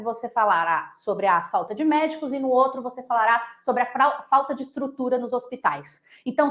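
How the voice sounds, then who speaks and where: A woman teacher with a Brazilian accent gives a playful, animated essay-writing lesson, full of silly nonsense sounds and voices. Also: on the high side, roomy sound. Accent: Brazilian Portuguese.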